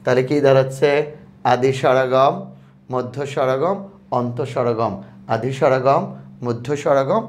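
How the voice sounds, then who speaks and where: A man with a mid-range voice teaches an exam-prep lesson, speaking slowly and repeating words so his students can follow along.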